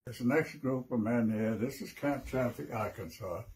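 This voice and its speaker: An elderly American man, an old veteran remembering his service in a plain, halting way. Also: medium pitch, a little mellow, a little hiss or hum. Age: 80s or older. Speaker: World War II veteran. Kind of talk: personal reminiscence.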